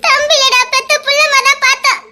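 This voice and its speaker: Brief: actress as a grieving older sister with a Tirunelveli Tamil accent, wailing lament, very high bright voice. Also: female voice, little pitch movement, fast talker, full character voice. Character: grieving older sister wailing over her sick brother. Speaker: actor in a family drama. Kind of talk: weepy family drama acting.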